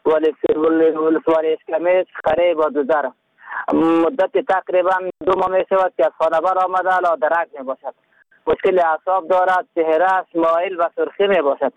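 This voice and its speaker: Slightly high man, tinny radio phone line. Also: no echo. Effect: heard over a radio phone-in line. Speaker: caller to a radio missing-persons program. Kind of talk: missing-person announcement.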